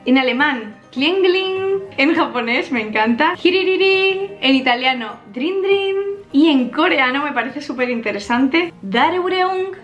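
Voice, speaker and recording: A woman's voice: sits high, animated, measured pace, fairly bright tone, lo-fi sound, soft background music. A woman with a Spain Spanish accent, a language YouTuber, playfully imitating sounds as she explains them in an upbeat educational vlog. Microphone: camera mic, filmed at close range.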